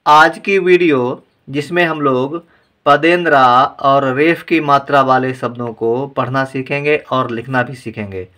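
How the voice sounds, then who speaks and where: A man from India teaching Hindi reading to viewers, explaining clearly and drawing out words slowly as he drills their pronunciation. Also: a little high, sharp tone. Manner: slow, drawn-out word-by-word pronunciation drills.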